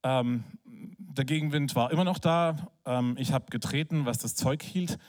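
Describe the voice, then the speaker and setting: A man preaching in a conversational, animated way, telling a personal story with filler words, then praying softly. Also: medium pitch, measured pace. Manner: soft, hushed prayer. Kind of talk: sermon with personal story and prayer.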